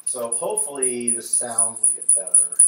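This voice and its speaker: Cooking breakfast on a livestream, this male host talks to his viewers in a chatty, casual way while tinkering with his audio settings. His mid-range voice has lively intonation and a normal speed. Because he's off-mic, the sound is roomy and cave-like, with a bit of faint noise.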